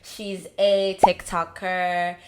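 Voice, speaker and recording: A woman's voice: on the low side, little pitch movement, drawn-out words, noisy background. A young woman hosting a podcast, chatting playfully with her guest and addressing the audience directly. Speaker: podcast host. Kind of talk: casual podcast chat.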